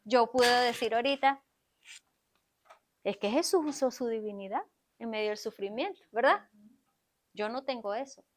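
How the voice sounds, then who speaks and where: A woman's voice: fairly high pitch, moderate pace, long pauses. A woman preaching a sermon in a church, often turning to the congregation with questions to draw them in. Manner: keeps asking the congregation questions. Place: church sanctuary.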